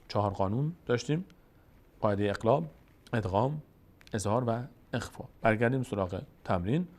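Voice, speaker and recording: A man's voice: lowish voice, darkish tone. Tajik man teaching Quran recitation. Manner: explains rules, then chants example words slowly and drawn out. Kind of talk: step-by-step tajweed lesson.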